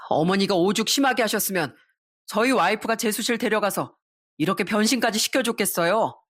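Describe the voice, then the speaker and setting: A woman's voice: mid-range voice, a bit bright, no room sound, studio quality. A woman voicing an elder brother-in-law who firmly scolds his mother. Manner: firm, reproachful. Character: adult man, elder brother-in-law, firm and fair.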